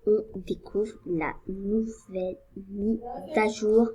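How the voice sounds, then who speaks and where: A woman's voice: mid-range voice, steady tone, slow, warm tone, poor audio. A woman casually commenting on a game as she plays, in a hesitant, rambling way with many fillers. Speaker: gaming video creator.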